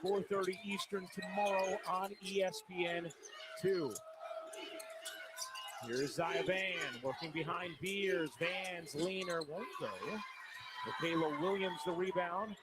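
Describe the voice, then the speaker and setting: A man calling a basketball game live as play-by-play commentator, in brisk, measured calls. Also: high voice, fairly even intonation. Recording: TV broadcast audio with loud noise.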